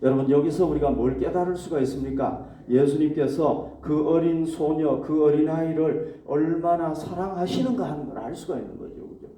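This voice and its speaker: A man preaches a sermon in a slightly high but mellow voice, putting questions to his congregation and answering them himself. He is recorded from a distance in an echoey church hall. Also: normal speed, hardly any pauses. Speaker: pastor.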